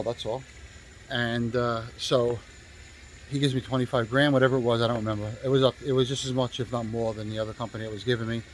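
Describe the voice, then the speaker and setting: Casting: man, real estate agent, loose rambling storyteller, salty language, lots of fillers, mid-pitched voice. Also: a little hiss or hum, poor audio. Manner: rambling, profane, full of fillers and restarts. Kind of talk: casual storytelling.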